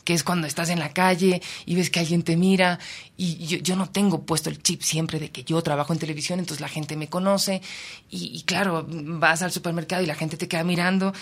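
A woman television reporter in an interview, telling stories with animated emotion and frequent laughter. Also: on the low side, brisk. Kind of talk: interview conversation.

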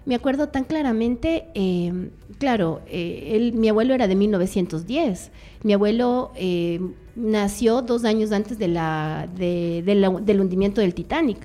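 A woman's voice: medium pitch, unhurried, warm tone, soft background music. A middle-aged woman, a guest on a radio talk show, telling reflective stories with many fillers.

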